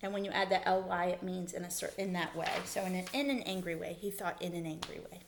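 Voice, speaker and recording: A woman's voice: fairly low pitch, steady tone, fast talker, creaky, a little hiss or hum. A woman teacher reading a children's chapter book aloud, stopping to patiently explain a vocabulary word to young students. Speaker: elementary school teacher.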